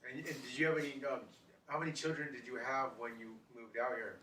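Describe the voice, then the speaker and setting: Guy doing a casual interview, bright voice, bit far from the mic, echoey room w faint noise, halting questions. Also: medium pitch.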